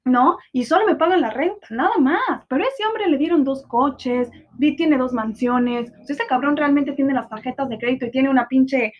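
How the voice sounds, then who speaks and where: A Mexican woman in her twenties runs a podcast, swearing freely as she delivers a blunt, sarcastic, confessional monologue. Her high voice keeps a normal speed with hardly any pauses, and the recording sounds dull and lo-fi.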